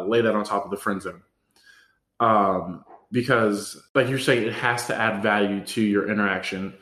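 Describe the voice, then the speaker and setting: A man hosting a casual podcast chat, relaxed and rambling with lots of fillers. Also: mid-range voice. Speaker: podcast host. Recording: roomy echo.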